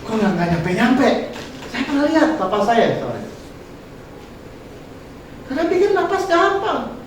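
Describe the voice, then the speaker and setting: A man preaching a casual, lively sermon, slipping English words into his talk. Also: very high-pitched, measured pace, a little hiss or hum. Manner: animated and colloquial, mixing English words. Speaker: pastor. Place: church hall. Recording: echoey hall, voice from far off.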